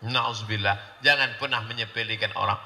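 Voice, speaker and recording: A man from Indonesia delivers a humorous sermon with a bright, sharp edge to his voice. He drifts between quiet asides and loud, emphatic lines, playing out small scenes along the way. The sound carries the long reverb of a large hall. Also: on the low side, steady tone, brisk, vocal fry, slight background noise. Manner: jokey, acts out characters, swings from hushed to shouting. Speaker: Islamic preacher. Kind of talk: humorous sermon with acted-out dialogue.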